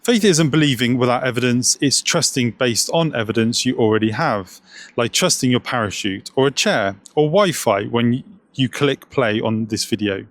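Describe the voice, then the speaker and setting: Man, scripted commentary, sarcastic, jokey asides, mid-pitched voice. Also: normal speed, fairly bright tone, dry recording.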